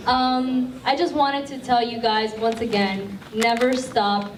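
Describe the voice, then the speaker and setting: A woman's voice: a little high, fairly even intonation, slow pace, noisy background. Casual woman hosting an awards night. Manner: casual, chatty, fillers. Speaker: event host. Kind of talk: stage hosting. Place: event hall. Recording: distant echoey hall audio with loud music.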